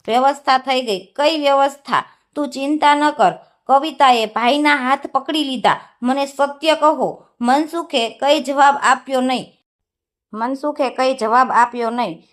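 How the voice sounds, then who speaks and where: A woman reading an emotional village story aloud, gently voicing every part herself. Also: high voice. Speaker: narrator. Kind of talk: storybook narration.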